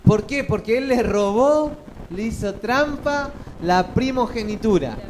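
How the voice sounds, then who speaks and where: A man's voice: high voice, expressive, a little slow, darkish tone, slight background noise, low-quality recording. A male pastor, preaching a sermon and often asking the congregation questions. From Chile. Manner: asks the congregation frequent questions.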